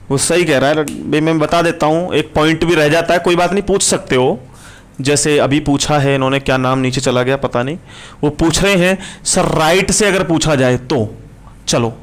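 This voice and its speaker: A male teacher running a live online reasoning class, repeating questions and answers to his students as he works through problems. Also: a little high. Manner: brisk, repetitive questioning of students.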